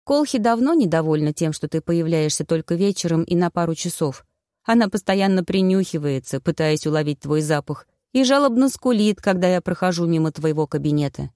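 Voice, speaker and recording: A woman voicing a lively, playful young heroine who complains and exclaims in an audiobook. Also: on the low side, a little fast, dry recording, clean studio sound, natural voice.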